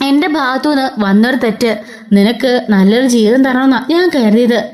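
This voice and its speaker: A woman voicing a gentle, worried middle-aged father who soothes his daughter-in-law. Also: on the high side, a little fast, close to an everyday voice. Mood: concerned. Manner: soothing, concerned.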